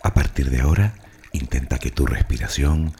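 A man leads a guided meditation in a rumbling, rock-bottom voice, mellow yet dark and gravelly. His affirmations come slow and soothing, separated by long pauses, over a little background noise.

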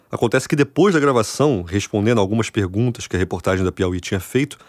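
A man co-hosting a podcast, briskly explaining why a regular segment was cut. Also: mid-range voice, no echo. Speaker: podcast co-host. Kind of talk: scripted segment announcement.

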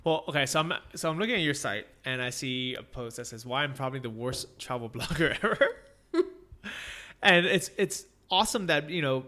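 Bright-voiced American man hosting. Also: mid-range voice, expressive, fairly quick. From United States. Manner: rambling, lots of fillers, laughs often. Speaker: podcast host. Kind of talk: casual interview chat.

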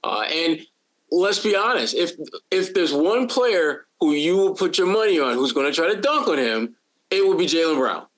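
A man co-hosting a sports podcast in casual chat, talking in an animated, lively way with frequent restarts and playful bits. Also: a little high, moderate pace. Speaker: podcast co-host.

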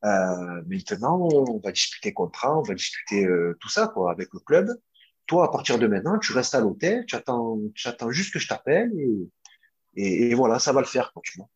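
A young man, a former footballer, telling a long story in a casual interview, animated, with lots of fillers and restarts. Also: mid-range voice, moderate pace, slightly rough, lo-fi sound.

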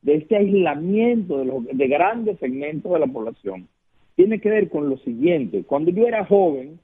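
A Venezuelan man with a Venezuelan Spanish accent joins a radio interview by phone as a guest political consultant, speaking earnestly, repeating words and posing rhetorical questions. His voice is on the high side, expressive, slightly rough, and measured in pace, heard over a muffled phone line.

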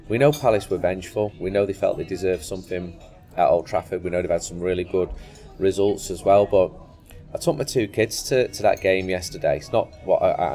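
A man's voice: low-pitched, a little mellow. A man talking on a football podcast with dry, self-mocking humour. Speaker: podcast guest. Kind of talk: casual football podcast chat.

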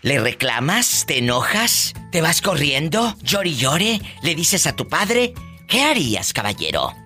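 Woman, comedy call-in host, campy diva, teasing, animated, bright. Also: low voice, a little slow, soft background music. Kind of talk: comic call-in show hosting.

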